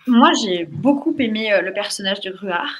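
A woman's voice: mid-range voice, lively intonation, moderate pace, fairly bright tone. A woman co-hosting a literary podcast, giving her enthusiastic opinion with frequent fillers. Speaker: podcast co-host. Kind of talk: literary discussion.

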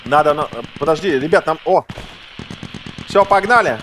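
A man's voice: fairly high pitch, moderate pace. A man in gaming voice chat, calling out targets urgently and swearing heavily. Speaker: squad gamer. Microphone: gaming voice chat mic. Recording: noisy game audio with gunfire. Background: gunfire, artillery, clicks.

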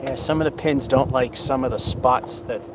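A man's voice: medium pitch, steady tone, moderate pace. Man keeping score outdoors. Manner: chatty, wry asides while keeping score. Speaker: bowler filming himself. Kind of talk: casual running commentary. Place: outdoor parking lot. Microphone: camera on a stand, away from him. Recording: outdoor camera mic with background noise.

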